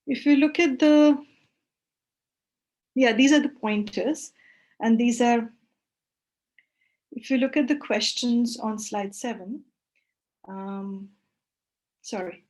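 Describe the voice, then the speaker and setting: A woman's voice: fairly high pitch, takes it slowly, long pauses, a little mellow. Woman from India giving a workshop talk. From West Bengal, India. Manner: thoughtful, with fillers and self-corrections. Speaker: workshop presenter. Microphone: video call.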